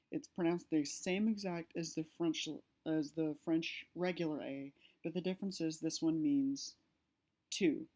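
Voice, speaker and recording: A woman's voice: low-pitched, darkish tone. A woman narrating a slide-based language lesson, explaining step by step with fillers and self-corrections. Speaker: language teacher.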